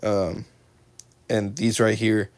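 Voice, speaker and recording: Speaking slowly in a level tone, on the low side, a man runs a fishing livestream unboxing and talks casually with chat viewers by name. He corrects himself often, and his voice sounds a little worn because he's slightly losing it.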